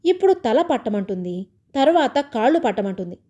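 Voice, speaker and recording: Fed-up indignant young guy, read by a lady storyteller, mellow highish voice. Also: very animated, brisk. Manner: indignant, complaining. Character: exasperated young man, indignant younger brother.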